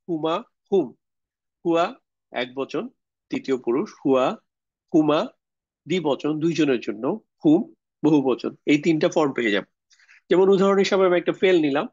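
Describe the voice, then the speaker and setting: Male online tutor, slightly higher voice, patient step-by-step explainer, dry lo-fi call sound. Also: dry recording. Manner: explains step by step, checks understanding with questions. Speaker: Arabic grammar teacher. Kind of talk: online class lecture. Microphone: video call.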